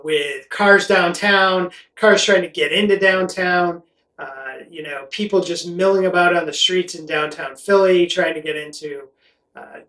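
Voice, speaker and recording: A man's voice: high voice, fairly bright tone. Echoey room, distant mic, American man, middle-aged, conversational explainer, loose rambling delivery. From Connecticut, United States. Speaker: vlog host. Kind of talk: casual explainer chat to camera. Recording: roomy echo, distant mic.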